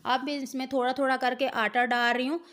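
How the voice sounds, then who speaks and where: A woman's voice: high-pitched, level tone, fairly quick, a bit bright. A middle-aged woman, host of a cooking channel, giving step-by-step recipe narration in a patient, instructive way and speaking straight to the viewer. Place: home kitchen.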